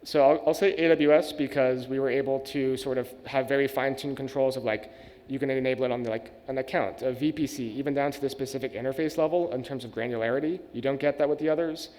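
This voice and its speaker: A man's voice: medium pitch, steady tone, a little mellow. A man giving a technical conference talk and answering questions, speaking casually with many "like"s. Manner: casual, quick, uses "like" and "sort of" often. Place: conference hall. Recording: reverberant conference hall.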